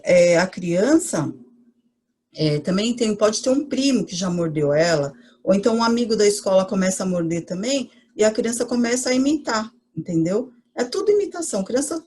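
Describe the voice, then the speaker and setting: A woman's voice: medium pitch, expressive, moderate pace, mellow, husky. A woman with a Brazilian accent, a preschool educator, explaining in a chatty way and answering her own questions. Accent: Brazilian Portuguese. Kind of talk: casual explanatory talk.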